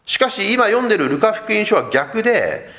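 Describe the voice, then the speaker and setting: A man's voice: high-pitched, very animated, normal speed, bright, forceful tone. A man, the pastor, giving a sermon and telling the story vividly while speaking directly to his congregation. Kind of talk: Sunday sermon.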